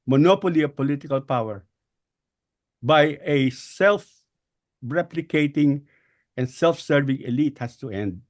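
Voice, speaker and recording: A man with a Filipino accent gives an explanatory talk as a guest speaker, often pausing and repeating words. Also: fairly high pitch, expressive. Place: online group call.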